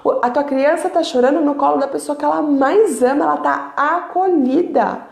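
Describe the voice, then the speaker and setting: Woman in her thirties, high voice, chatty sleep coach addressing parents, echoey room. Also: normal speed, gravelly. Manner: conversational, asks the audience rhetorical questions. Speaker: sleep consultant. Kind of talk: informal teaching talk to parents.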